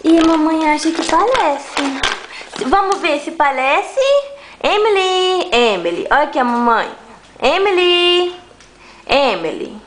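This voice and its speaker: A young mother with a very high voice coos and coaxes her baby in slow, sing-song encouragement. She speaks from behind a handheld camcorder in an echoey room at home, with loud background noise. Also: expressive. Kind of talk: home video baby talk.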